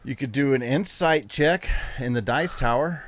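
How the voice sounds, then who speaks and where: A man's voice: medium pitch, normal speed. A man narrating a tabletop role-playing game casually as game master.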